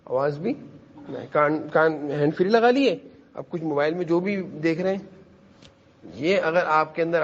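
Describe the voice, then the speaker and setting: Guy with a high voice lecturing kids, keeps asking them questions, kinda dull lo-fi sound. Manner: repetitive, questions the children and urges them to answer. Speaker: religious teacher of children. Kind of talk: classroom lesson to children. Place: madrasa classroom.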